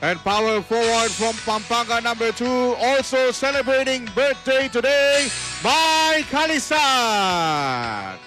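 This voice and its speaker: A Filipino man works as a booming arena hype announcer. His pitch is extremely high and his delivery slow, drawing out each name over clearly audible music. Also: expressive. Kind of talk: live sports arena introductions. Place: large indoor sports arena.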